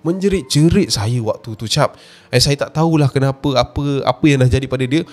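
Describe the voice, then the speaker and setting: A man's voice: mid-range voice, fairly quick. A man with a Malaysian Malay accent, retelling a horror story in the first person, casual and speaking straight to the listener. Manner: casual, addresses the listener directly.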